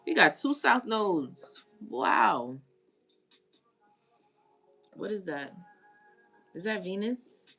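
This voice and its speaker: Gravelly-voiced woman chatting on a live stream. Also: mid-range voice, sing-song, drawn-out words, long pauses, pushed and bright, soft background music. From United States. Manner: chatty, greets viewers and reads comments aloud. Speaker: tarot reader. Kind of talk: casual live-stream chat.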